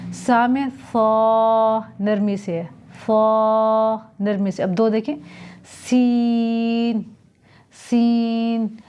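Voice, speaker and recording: A woman's voice: on the high side, darkish tone. A woman teaching Quran letter pronunciation, sounding out each letter carefully and explaining patiently. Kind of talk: slow letter-by-letter recitation lesson.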